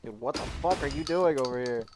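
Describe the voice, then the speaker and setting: A young man playing a video game with a friend, loud, laughing and swearing as he taunts. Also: medium pitch, quick pace, music in the background. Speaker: gamer recording a gameplay video. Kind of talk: excited gaming chat with a friend. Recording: noisy gaming mic.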